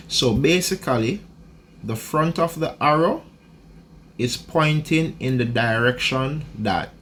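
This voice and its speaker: Slow gravelly male lecturer. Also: on the low side, a little hiss or hum. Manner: unhurried, checks in with "right?" often. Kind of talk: explaining a diagram in a lecture.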